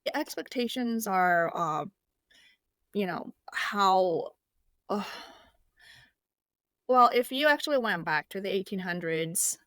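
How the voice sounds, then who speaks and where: A woman's voice: medium pitch, expressive, takes it slowly, pauses often, fairly bright tone, no room sound. A woman from Indonesia, a podcast guest, speaking casually with many fillers and restarts. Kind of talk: casual interview.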